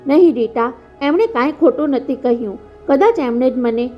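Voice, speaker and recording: A woman's voice: sits high, animated, moderate pace. Wealthy broken father, as a woman reads him. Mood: defeated. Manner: soft, restrained delivery. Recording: dull lo-fi with faint music.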